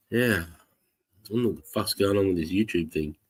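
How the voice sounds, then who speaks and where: A man's voice: sits low, slightly rough. An Australian man hosting a casual livestream, chatting in a blokey, slangy way with plenty of swearing. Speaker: livestream host.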